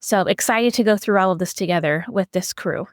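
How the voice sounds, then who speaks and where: A woman's voice: mid-range voice, fairly quick, no room sound, clean studio sound. A woman co-hosting a medical education podcast, a physician who walks listeners through a structured roadmap step by step. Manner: organized, lays out a roadmap step by step.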